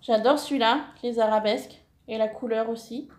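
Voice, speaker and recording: A woman's voice: on the high side, fairly even intonation, moderate pace, echoey room. A woman chatting casually through a haul video of craft papers, enthusiastic and full of fillers, correcting herself as she goes. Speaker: scrapbooking vlogger.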